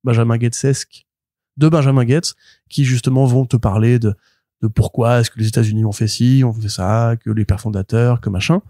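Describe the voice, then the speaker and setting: A man co-hosting a comics podcast, retelling a plot in an animated, rambling way full of fillers and restarts. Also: mid-range voice, fairly quick, dry recording, studio quality. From France. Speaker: podcast co-host, comics reviewer. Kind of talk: casual podcast chat.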